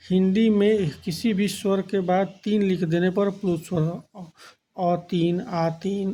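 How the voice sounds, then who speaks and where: Methodical male grammar teacher, dark voice. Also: high voice, a little hiss or hum. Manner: methodical, spells out letters and counts them aloud; defines terms then repeats them for emphasis. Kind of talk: classroom grammar lesson.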